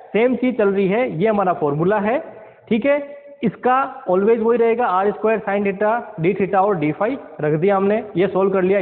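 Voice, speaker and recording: A man with a high-sitting voice lectures on physics in a classroom, mixing English science terms into his Hindi. He keeps asking the class questions to check they understand. The audio is tinny and lo-fi with a long reverb.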